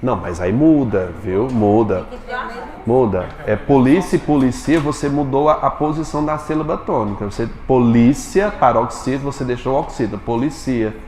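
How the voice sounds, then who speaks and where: A male teacher giving a Portuguese lesson in a classroom, quizzing his students with quick questions. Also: mid-range voice, darkish tone, roomy sound, big-room sound.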